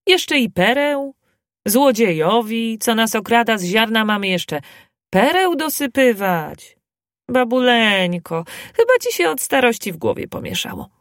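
Bold, fiery little dwarf, voiced by a woman reader, higher and louder than her narration, dry close sound, storybook. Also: sing-song, unhurried, no echo. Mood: indignant, pleading. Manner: loud, emphatic and indignant. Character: bold, excitable male dwarf.

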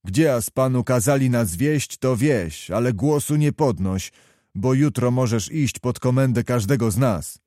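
A man's voice: mid-range voice, animated, unhurried, warm tone, no echo, clean studio sound, lightly acted. Wry taunting officer, easy tone, by a male narrator.

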